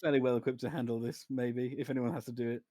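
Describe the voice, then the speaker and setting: A man's voice: medium pitch, level tone, quick pace, warm tone, no echo, studio quality. A man with a modern British accent, broadly RP, talking casually as a co-host of a live draw stream. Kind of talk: casual group chat.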